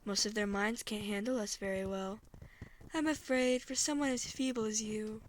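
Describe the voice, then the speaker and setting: A woman voicing a female eldritch deity who speaks slowly and calmly in a soothing but threatening, condescending way. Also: mid-range voice, a little hiss or hum, close to an everyday voice. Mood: soothing menace. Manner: slow, calm, condescending.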